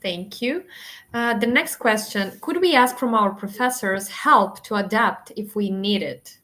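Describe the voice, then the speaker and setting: A woman's voice: mid-range voice, lively intonation, measured pace, fairly bright tone. A woman moderating an online session, reading out questions from the audience.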